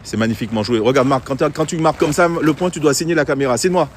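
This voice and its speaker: A man's voice: a little high, racing. Chatty man commentating pétanque outdoors. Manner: chatty, addresses viewers directly. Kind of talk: live sports commentary. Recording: faint street noise outdoors.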